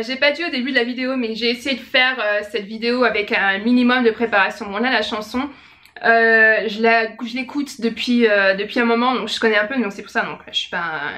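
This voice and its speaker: A woman's voice: on the high side, pushed and bright. A young woman with a French accent, chatting casually in a vlog, hesitant with many fillers and self-corrections and a self-mocking humor. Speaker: vlogger. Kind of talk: casual vlog, reading aloud and singing.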